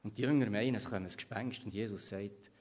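A man with a Swiss accent preaching a sermon, swinging from loud to hushed and putting questions to the congregation. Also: on the low side, fairly quick.

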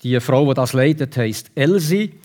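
A man from Switzerland with a Swiss German accent, preaching a sermon in a conversational, lively way. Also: mid-range voice, normal speed.

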